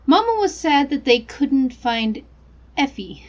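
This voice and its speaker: A woman's voice: high voice, very animated, slow, highs cut off, voice pushed up, exaggerated voice. A woman voicing a naive, uneasy young country girl, reading her diary aloud in a game. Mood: sad, reluctant.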